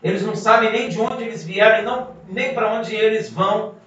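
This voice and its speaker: A man preaches a sermon in a slightly high voice, pressing his points with rhetorical questions. He sounds far from the microphone in a heavily echoing hall. The sound is dull and muffled. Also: steady tone, fairly quick, a bit bright, a little hiss or hum. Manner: emphatic, rhetorical questions to the congregation. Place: congregation hall. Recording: muffled, very echoey hall from a distance.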